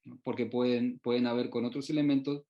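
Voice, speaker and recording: A man's voice: medium pitch, flat delivery, brisk, mellow, muffled recording. Hesitant Uruguayan-born man lecturing. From Uruguay, raised in Chile. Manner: hesitant, many fillers and restarts. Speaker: researcher presenting his work. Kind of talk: online presentation.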